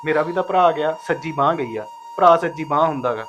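A man's voice: fairly high pitch, fast talker, a bit bright, dull audio, soft background music, lightly acted. An actor playing a grieving younger son who pleads with his mother to stop crying. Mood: pleading. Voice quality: pleading, choked with grief. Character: grieving young man, younger brother of the dead. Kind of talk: emotional drama acting.

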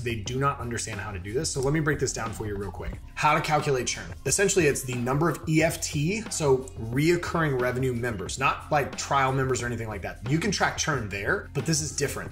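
Man, 30s, brisk persuasive coaching explainer, small tiled room, soft music bed. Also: medium pitch. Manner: energetic, persuasive sales-coach delivery. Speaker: business coach. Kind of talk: explainer video to camera.

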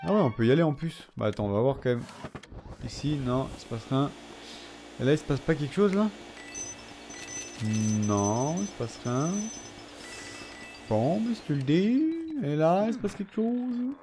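A young man giving casual gameplay commentary, chatting to the characters on screen with sudden excited outbursts. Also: medium pitch, normal speed, long pauses, over music. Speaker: let's play gamer.

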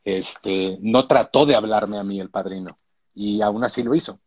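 A man's voice: fairly low pitch, moderate pace, a little mellow, husky, no room sound. Reflective man on a video call. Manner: thoughtful, reflective, with frequent restarts. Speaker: showrunner and director, guest. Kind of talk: casual live-stream interview. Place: indoor room at home. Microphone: phone or laptop on a video call.

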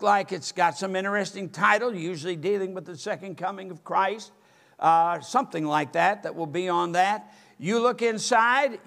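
An older man, a pastor, preaches a sermon from the pulpit of a church sanctuary with empty pews. He speaks emphatically and gestures as he goes, his voice high-pitched and a bit bright.

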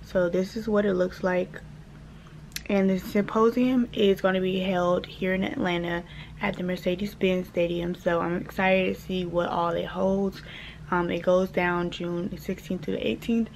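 A woman's voice: lowish voice, flat delivery, unhurried, creaky, darkish tone, slight background noise. Chatty young woman vlogging to camera. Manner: chatty, rambling, addresses viewers as y'all. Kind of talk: casual vlog chat. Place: at home.

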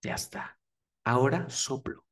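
A male English teacher runs a casual spoken lesson at an unhurried pace, coaching students, repeating words for drills and often checking in with "¿vale?". He sounds far from the microphone.

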